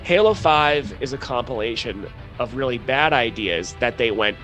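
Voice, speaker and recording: A man's voice: mid-range voice, animated, normal speed, fairly bright tone, soft background music, poor audio. A man co-hosting a podcast in casual chat, blunt and wry, with many fillers, on a podcast mic. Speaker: podcast co-host.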